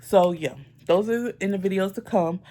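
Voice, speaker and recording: A young woman vlogging casually, telling a story in an animated, profane, exasperated rant with lots of slang. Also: medium pitch, normal speed. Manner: colloquial slang-heavy speech.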